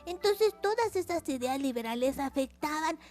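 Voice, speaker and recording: A woman's voice: high voice, lively intonation, moderate pace, a little mellow, faint music behind. A woman hosting a simple history lesson for children in a sing-song, chatty way, repeating words for emphasis. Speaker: educational video channel host.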